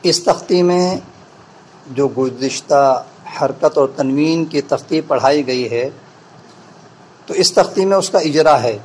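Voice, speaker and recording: A male Quran reading teacher explaining pronunciation to teachers and pupils, and breaking into slow, deliberate letter-by-letter spelling drills. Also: on the high side, slightly rough, low-quality recording.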